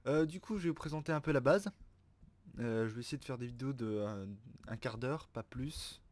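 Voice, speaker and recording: A man's voice: mid-range voice, fairly quick, darkish tone, no room sound. A man giving casual, rambling gameplay commentary while touring his base, full of fillers and restarts. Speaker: Minecraft server player showing his base.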